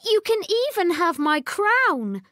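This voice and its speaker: A woman's voice: sing-song, slow pace, sharp tone, dry recording, studio quality, heavily acted. A woman playing a whiny spoiled princess. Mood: demanding. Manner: high, petulant, demanding.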